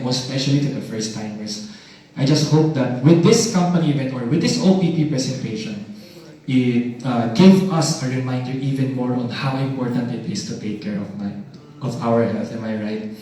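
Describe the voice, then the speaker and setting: A young man giving a stage product presentation, animated and calling for replies from the audience. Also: medium pitch. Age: young adult. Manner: animated, audience call-and-response. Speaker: business development presenter. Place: large hall, heard from the mic at a distance. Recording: echoey hall from far off.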